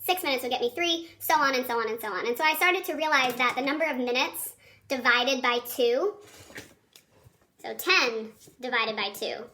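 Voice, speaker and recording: A woman with a squeaky, helium-like chipmunk voice teaching children in a chatty, encouraging, informal video lesson. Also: normal speed, bright, forceful tone. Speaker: elementary school teacher.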